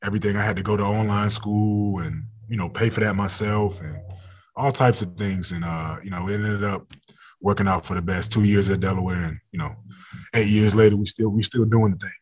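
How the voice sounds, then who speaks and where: A man's voice: lowish voice, fairly even intonation, fairly quick. A man in his thirties, a football player as guest, talking candidly in a casual interview, laughing often and restarting his words.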